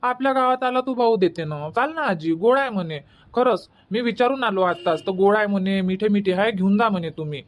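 A man's voice: high voice, a little fast, natural voice. A man voicing a small village boy in a cartoon who keeps begging his grandmother. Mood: whining. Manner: whining, begging. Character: whiny pleading little village boy.

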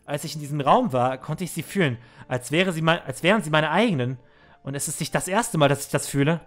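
A man reads game text aloud and comments as he plays, in an earnest, somber tone. His voice sits a bit high for a man, and he stumbles and restarts words now and then. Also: a little fast, fairly bright tone. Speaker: let's play gamer. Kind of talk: reading and commenting on a video game.

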